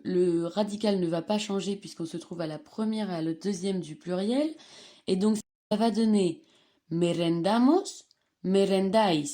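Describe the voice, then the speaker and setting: A woman's voice: mid-range voice, dark tone. A woman teaching a slide-based grammar lesson, patiently repeating and stressing each conjugated form. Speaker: Spanish teacher.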